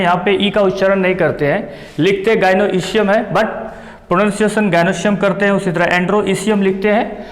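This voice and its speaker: A man teaching a biology lesson, explaining a diagram step by step and repeating each term. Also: high voice. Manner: explains slowly, repeats terms, mixes English terms into Hindi. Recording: long hall reverb.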